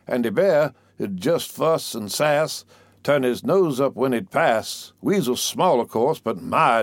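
A man voicing an old storyteller, fond and scolding, dry close sound, middle pitch. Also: no room sound, lightly acted. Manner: fond, scolding, folksy drawl. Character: old storyteller coaxing a fussy child. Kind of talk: dialect poem recitation.

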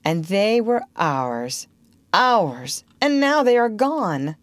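A woman voicing a gentle, loving mother with a tender, soothing manner in a storybook reading. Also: mid-range voice, big pitch swings, slow, no room sound, voice pushed up. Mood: wistful. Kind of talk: audiobook character voice.

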